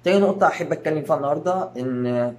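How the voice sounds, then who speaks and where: Fast-talking Egyptian man vlogging. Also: on the high side, darkish tone, a little hiss or hum. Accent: Egyptian Arabic. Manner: rambling, many fillers and restarts. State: tired. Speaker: YouTube channel host. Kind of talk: casual channel update to viewers.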